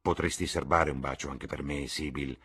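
A sullen, brooding young man, as a male reader gives him voice, blunt and grumbling. Very low and husky in tone. Storybook reading. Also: steady tone, moderate pace, pushed and bright, full character voice. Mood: gruff.

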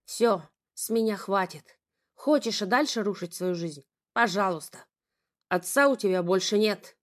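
A woman voicing an angry, domineering middle-aged father who shouts with contempt. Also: mid-range voice, unhurried, lightly acted. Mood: furious.

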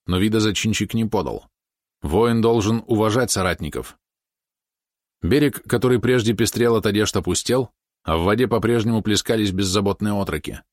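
A man narrating an audiobook in an even, storytelling delivery. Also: on the low side, no echo, studio quality. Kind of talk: scripted narration.

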